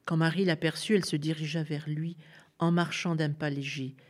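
A woman reading a children's story aloud in a gentle, expressive way. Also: sits low, normal speed.

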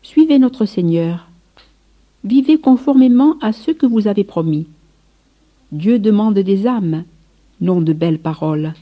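Woman reading as a weary old holy man in a storybook; slow, grave, admonishing delivery; slightly muffled sound. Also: mid-range voice, animated. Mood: stern. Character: frail aging male saint, weary but stern.

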